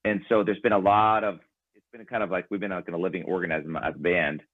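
A Ukrainian-born man with a low voice speaks quickly and fairly evenly as an interview guest, chatting casually about his band. He's thoughtful and rambling, full of fillers, and the dry recording comes through a tinny, phone-like line.

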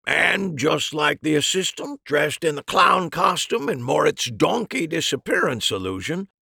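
Storybook amateur sleuth acted by a male narrator: raised pitch, emphatic, swooping explanations. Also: sing-song, unhurried, creaky, bright, forceful tone, husky, dry recording, studio quality, heavily acted. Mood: emphatic explaining.

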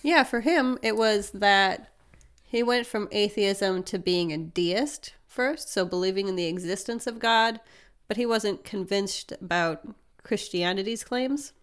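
A woman's voice: medium pitch, unhurried, smooth. A woman hosting a podcast, explaining things in an upbeat, conversational way with frequent laughs. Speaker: podcast host. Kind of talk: casual chat.

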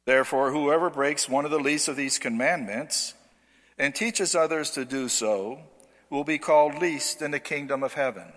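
A man's voice: on the high side, a bit bright. A man giving a solemn, formal Gospel reading as clergy at a church service, with cathedral echo around his voice. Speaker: priest or deacon reading the Gospel. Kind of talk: liturgical scripture reading. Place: large church during a service. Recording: echoing church hall, long cathedral-like reverb.

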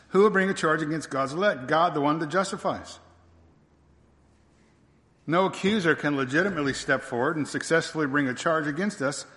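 Preaching in an emphatic style, a man hammers home the same rhetorical questions repeatedly. His ordinary mid-pitch voice has a fairly bright tone and echoes with the long reverb of a big church hall.

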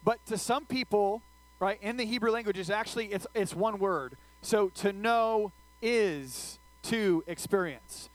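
A man's voice: sits high, measured pace, rough recording. A man giving a casual youth sermon, checking in with his listeners after nearly every sentence and telling funny stories about himself. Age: adult, older than his teen listeners. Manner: tells funny personal stories, acting out his own screaming. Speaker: youth pastor.

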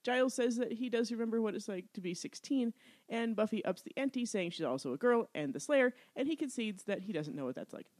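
A woman's voice: fairly high pitch, a little fast, no room sound. A woman co-hosting a podcast, casually recapping a TV episode, laughing often and correcting herself as she goes. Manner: laughs often, self-correcting, animated retelling.

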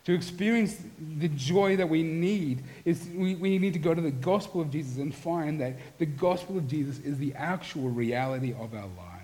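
Man, middle-aged, pastor, sermon, earnest, animated then hushed. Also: fairly high pitch, normal speed, few pauses, rough recording.

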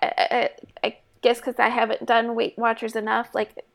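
A woman co-hosting a casual podcast chat, talking in a halting way and often restarting her sentences. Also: a little high, little pitch movement, creaky. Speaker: podcast co-host.

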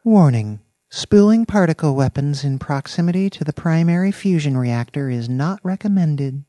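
Guy doing a prim lady computer ai, higher voice, clipped formal wording, dry sound. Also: lively intonation, moderate pace, mellow, dry recording, close to an everyday voice. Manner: precise, formal machine diction. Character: calm female computer AI voice.

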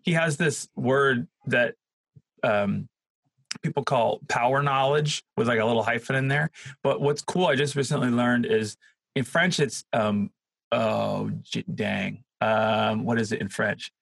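A man talking theology in a casual academic conversation, often hunting for names and words, animated and laughing at times. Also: mid-range voice, unhurried, vocal fry, no echo, rough recording.

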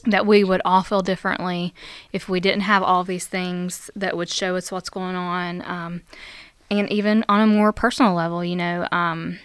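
A woman and mother in casual church conversation, talking earnestly and thoughtfully with many pauses and fillers, close to a studio mic. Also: fairly low pitch, level tone, smooth, no room sound. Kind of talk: casual church podcast chat.

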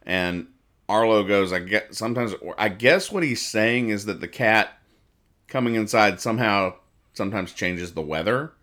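On a casual comedy podcast, a male host reads out newspaper comics, describing the strips and explaining their jokes in a rambling, halting, mock-serious way. His voice is fairly low pitched and a bit bright.

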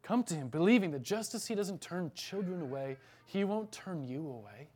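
Man, pastor, earnest emphatic sermon, somewhat high voice. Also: expressive, normal speed, darkish tone, husky. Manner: earnest, emphatic preaching with repeated phrases. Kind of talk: sermon with closing prayer.

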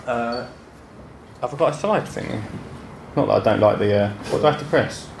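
A gardening podcaster and speaker with an Essex accent gives an informal stage talk to an indoor audience, chatty, jokey and self-deprecating. His mid-pitched voice is fairly quick with vocal fry, and the roomy space adds some background noise.

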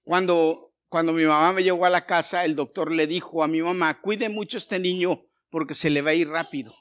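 A man's voice: on the high side, fairly even intonation, a little fast, a bit bright. A middle-aged man, a pastor, preaching a conversational sermon and telling personal stories, often restarting his words.

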